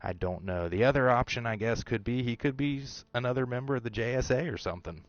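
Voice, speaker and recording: A man's voice: mid-range voice, quick pace, no echo, lo-fi sound. A man hosting a show, casually talking through his theories about a TV episode, rambling with fillers and restarts. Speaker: show host.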